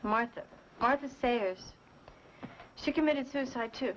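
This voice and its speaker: Haunted, high-voiced young woman. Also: fairly bright tone. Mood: subdued, sad. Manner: hesitant, halting. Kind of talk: 1970s TV movie horror-mystery acting. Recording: dull, noisy 1970s TV film soundtrack.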